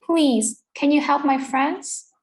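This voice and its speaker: A woman voicing a brave, polite young farm girl in a storybook reading, slow and earnest. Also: high voice, a little mellow. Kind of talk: storybook read-aloud for English learners.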